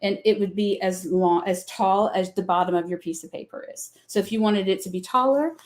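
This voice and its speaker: Hosting a live craft product demonstration, a middle-aged woman from the American South talks in a rambling, folksy style full of fillers. Her medium-pitched voice moves briskly, and there's a little hiss or hum in the recording.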